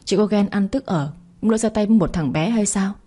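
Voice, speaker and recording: A woman's voice: mid-range voice, a little fast, mellow, lightly acted. A woman voicing a spiteful young sister-in-law who sneers.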